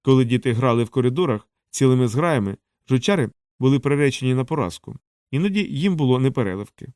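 A man narrating an audiobook in a steady, measured storytelling voice. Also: medium pitch, no echo, studio quality.

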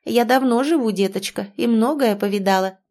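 A woman's voice: fairly quick, darkish tone, close to an everyday voice. Woman putting on a sly scheming old crone. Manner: sly, impatient, shrill when alarmed.

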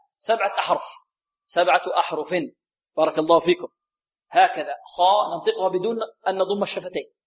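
A man's voice: high voice, husky. A man teaching Quran recitation to students, drilling letter sounds aloud and quizzing the class. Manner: drills sounds aloud, asks the class questions and repeats answers; often repeats a set blessing phrase to the students. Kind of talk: tajweed lesson to students.

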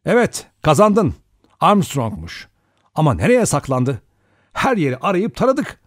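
A cool, sardonic young man who talks bluntly and probes with a teasing edge, voiced by an audiobook narrator. His delivery is lively and full of pitch movement. The recording is dry and close. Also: measured pace, dry recording. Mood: wry. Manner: teasing, then grave and steady. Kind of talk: audiobook reading.

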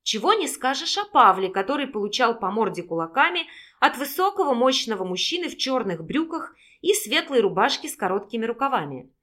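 Lively woman narrating an audiobook. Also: a little high, brisk.

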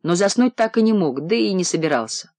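Measured male audiobook narrator, dry sound. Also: high-pitched, animated, darkish tone, dry recording. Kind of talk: scripted narration.

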